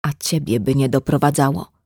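A woman's voice: rumbling low, a little fast, vocal fry, a little mellow, breathy edge, dry recording, clean studio sound, full character voice. A woman reading a desperate young man. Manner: strained, hissing.

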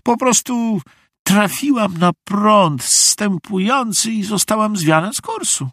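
A man reading an audiobook, voicing an eccentric, cheerful old woman stranger in a high, slow, drawn-out voice. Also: expressive, a bit bright, no echo, clean studio sound, heavily acted. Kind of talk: audiobook character voice.

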